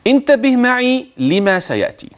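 Man teaching Quran recitation, lively pitch. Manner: addresses the listener directly, urging attention; stretches words slowly to demonstrate pronunciation. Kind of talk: tajweed lesson with recited examples.

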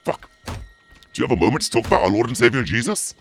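Fast and sing-song, a man trash-talks through a horror game stream, cursing and mocking theatrically. His deep, gravelly voice sometimes goes through a voice changer, and the audio carries a little hiss or hum.

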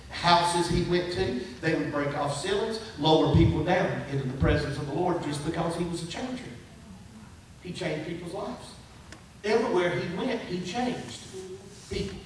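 A man's voice: on the high side, normal speed, slight background noise. A man, preaching a sermon as pastor, conversational with rising emphatic bursts. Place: church sanctuary. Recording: echoey, distant church recording.

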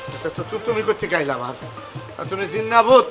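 A man's voice: high-pitched, expressive, fast, over loud music. An actor playing a nervous, flustered boss who stammers and pleads his way out of a forced marriage in a comedy drama. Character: nervous, flustered boss man trying to escape.

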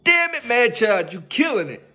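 Extremely high-pitched and sharp, with big pitch swings at a moderate pace, this young man's voice comes through a headset mic at home. Reacting to music from his living room, he's casual, curses freely, and hypes up the song.

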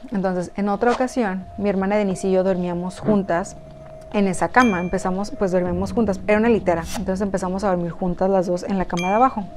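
A woman's voice: medium pitch, fairly even intonation, fast, background noise. Chatty Mexican woman telling a story. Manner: chatty, addresses viewers directly, many fillers. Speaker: YouTuber telling a personal story. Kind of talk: casual storytime narration. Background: background music.

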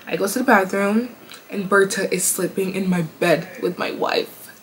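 A woman host reading online confessions aloud from her bed, casual and slangy, reacting out loud as she reads. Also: medium pitch, steady tone, normal speed, very noisy. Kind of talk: casual chatty commentary.

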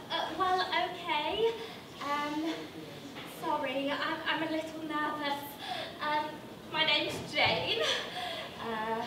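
A woman playing a shy, nervous, sweet dating show contestant in a stage comedy sketch, hesitant and giggly. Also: high-pitched. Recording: distant echoey noisy stage recording.

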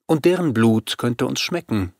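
A man voicing a scornful female vampire queen who speaks calmly and mockingly in an audiobook. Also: medium pitch, unhurried, no echo, clean studio sound.

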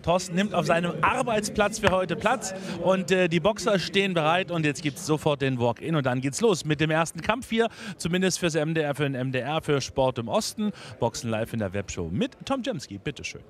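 A man's voice: fairly high pitch, animated, fairly quick. A man in his forties presenting a live boxing show from ringside on a handheld microphone. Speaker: TV sports presenter. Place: ringside in an event hall.

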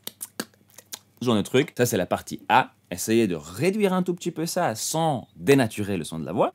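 A man teaching audio mixing in a relaxed tutorial style, often dropping a quick "hop" as he demonstrates. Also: on the low side. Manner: relaxed explaining, frequent "hop" interjections. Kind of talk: tutorial explanation.

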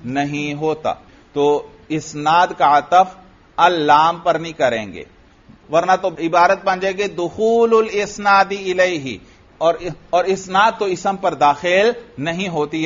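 A man's voice: high-pitched, dull audio. A man with a Pakistani Urdu accent, teaching an Arabic grammar class. He explains step by step, recites example phrases and keeps asking his students questions. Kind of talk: classroom lecture.

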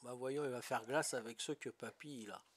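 A man's voice: medium pitch, fairly even intonation, brisk. An older man from Corsica chatting casually while playing a game, good-natured and often asking if he is doing it right. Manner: good-natured, lots of "hein" and "voilà", asks for guidance. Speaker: gamer streamer. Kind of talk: casual gameplay chat.

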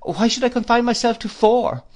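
A man reading an audiobook, voicing a pompous, gushing older woman in a high, theatrical voice. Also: normal speed, darkish tone. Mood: insistent.

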